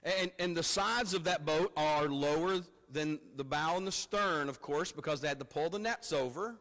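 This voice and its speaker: A man who is a pastor speaks at a pulpit microphone, his somewhat high voice ringing through a church hall with a long echo. He preaches in a loose, conversational way, often stumbling over repeated words. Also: moderate pace, a bit bright. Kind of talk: sermon. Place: church sanctuary.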